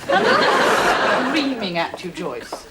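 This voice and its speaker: An actress playing a sharp-tongued, sarcastic middle-aged theatre sister with an imperious, barbed wit. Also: female voice, mid-range voice, huge pitch swings, slow, background noise. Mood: sardonic.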